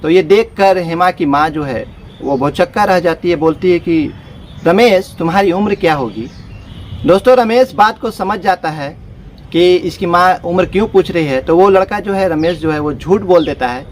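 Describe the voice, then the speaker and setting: Chatty male storyteller, slightly high voice. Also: normal speed, slight background noise. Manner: chatty, addresses listeners as friends, loose repetitive phrasing. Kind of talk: casual spoken story narration.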